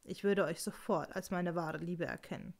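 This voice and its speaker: Audiobook: a woman playing a hushed, pleading king, slightly lower voice. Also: steady tone, moderate pace, vocal fry. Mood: hushed yearning. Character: amorous king, a man, low and yearning.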